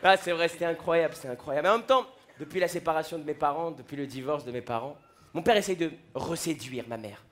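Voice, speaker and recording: On a big comedy festival stage, a young man performs stand-up into a stage mic, voicing the characters in his stories. His voice is a little high and quick, and a faint crowd can be heard.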